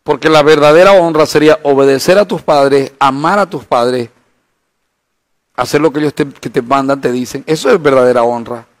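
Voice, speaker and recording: A male pastor, preaching a Bible study in an animated way, acting out imagined voices and asking the listeners rhetorical questions. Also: mid-range voice, normal speed.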